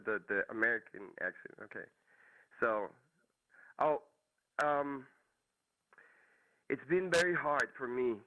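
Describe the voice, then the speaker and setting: A man from Mexico with a Mexican Spanish accent calls in to a talk show for a casual chat, searching for words and restarting many times. His voice is medium-pitched and narrow, and the audio is tinny.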